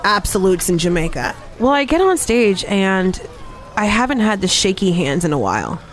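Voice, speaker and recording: Animated woman comedian from New Jersey. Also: mid-range voice, normal speed. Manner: animated storyteller, laughs through lines. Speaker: comedian guest. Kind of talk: casual chat.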